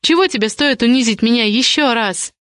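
A woman reading the lines of a defiant young woman, an indignant ward who argues with rapid questions. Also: a little high, a bit bright, no room sound, clean studio sound, close to an everyday voice. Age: young adult.

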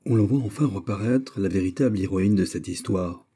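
Dark-voiced male audiobook narrator. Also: low-pitched, breathy edge. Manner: measured, deliberate phrasing.

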